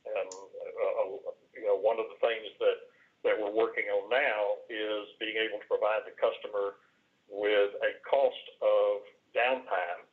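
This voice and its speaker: Speaking over a conference call, a low-voiced man from a managed IT services provider delivers a sales presentation at an unhurried pace with little pitch movement. He's on a telephone, so the audio is tinny and band-limited.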